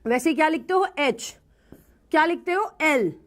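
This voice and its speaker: A young woman teaching an English class. Her voice sits high, and she keeps pulling the listeners in with questions. The delivery is lively and conversational. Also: a little slow. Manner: lively, quizzing students with rhetorical questions. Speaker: English teacher for bank exams. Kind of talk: classroom lecture.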